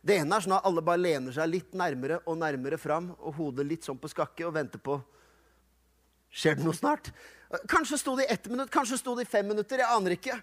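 Man, high voice, pastor preaching, lively and humorous, acts out quotes. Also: few pauses. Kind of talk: sermon.

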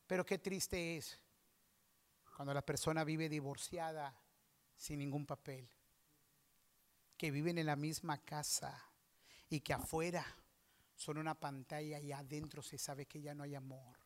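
Pastor guy preaching, high voice, goes quiet then loud. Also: fairly even intonation, a little slow, long pauses. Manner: preaching with swings between soft asides and loud outbursts. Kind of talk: sermon.

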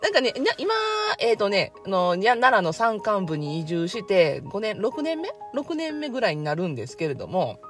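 A woman with a Kansai accent talks in a loose, chatty monologue, poking fun at herself and laughing often. Her pitch rises and falls a lot, and soft music plays quietly behind her. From Kansai, Japan. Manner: chatty and self-deprecating, laughs easily. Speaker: podcast host. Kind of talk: casual monologue.

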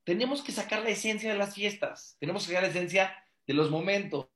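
A man, a rabbi giving a conversational religious class. His voice sits fairly high, and he talks earnestly, circling back on his own phrases and posing question after question to his listeners. The room around him rings with a clear echo. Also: fast, fairly bright tone. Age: adult father. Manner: earnest, repeats phrases for emphasis, many rhetorical questions.

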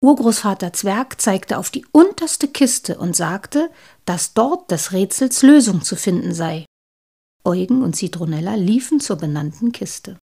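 A woman reads a children's Christmas story aloud. Her storytelling is lively, and she lifts her voice whenever the children speak. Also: unhurried, creaky, husky. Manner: lively, shifts pitch for children's lines.

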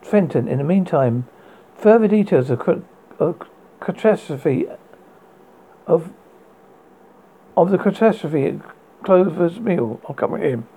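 A man reading a 1930s-style radio news drama aloud in a gravelly, husky voice, halting and stumbling over words. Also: high-pitched, lively intonation, warm tone, poor audio. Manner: halting, stumbling delivery with misreadings. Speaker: amateur reader of a radio drama script.

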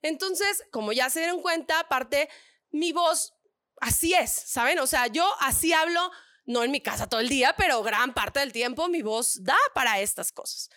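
A woman from northern Mexico with a northern Mexican accent, giving an expressive motivational talk and speaking straight to her audience. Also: high voice, normal speed, dry recording, studio quality. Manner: expressive, acts out inner voices with shifts of tone; addresses audience directly with frequent asides.

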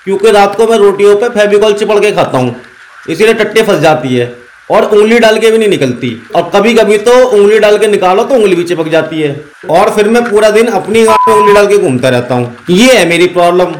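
A man in a scripted comedy phone skit, playing a rude caller who mocks and insults the other person loudly. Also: high voice, expressive, fairly quick, reverberant. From North India. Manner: abusive, loud, mocking. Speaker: rude prank call receiver.

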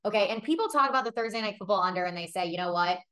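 A woman co-hosting a casual sports betting podcast. She talks with emphatic energy and laughs often, at an ordinary middle pitch. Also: expressive, very fast, a bit bright. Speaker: podcast co-host.

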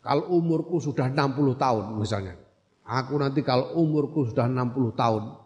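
A man leads a classical religious text study, reading Arabic phrases and glossing them before explaining. He checks in with listeners through short questions. His mid-pitched voice rings with the long reverb of a large hall. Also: a little fast, darkish tone, dull audio. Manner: reads Arabic text, glosses it in Javanese, then explains in Indonesian. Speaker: religious teacher.

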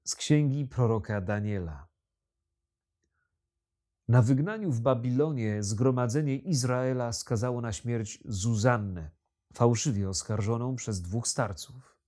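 A man, a Dominican friar, giving a measured, solemn liturgical reading of scripture and lifting his voice for direct speech. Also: medium pitch, warm tone.

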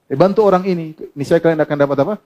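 A man's voice: on the high side, racing, a little mellow, lo-fi sound. A middle-aged man preaching a sermon, quoting Arabic texts and translating them, often asking the audience questions and answering them himself, with frequent laughs. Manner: laughs often between points. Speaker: Islamic preacher.

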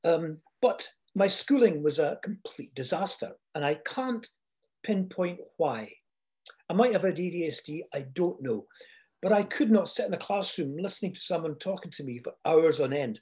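An older man Scotland, telling personal stories reflectively in a hesitant, pausing way. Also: on the high side, animated, a little mellow.

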